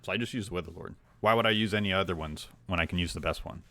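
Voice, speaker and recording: A man co-hosting a gaming podcast, telling stories in a relaxed way with quick bursts when excited. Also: low-pitched, vocal fry, slight background noise. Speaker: podcast co-host. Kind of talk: casual gaming chat.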